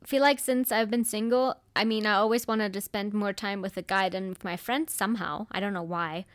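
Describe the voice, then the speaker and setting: A woman's voice: mid-range voice, fairly even intonation, a little fast, no room sound, clean studio sound. A young woman hosting a podcast, chatting casually with a friend, giggly and trailing off at times. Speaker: podcast host. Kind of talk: casual chat.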